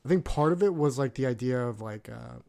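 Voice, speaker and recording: A man's voice: medium pitch, expressive, fairly quick, creaky, mellow. A man in his thirties from California, a Navy veteran telling his story as a podcast guest in a loose, profane way, with lots of fillers. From California, USA. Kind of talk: casual podcast interview.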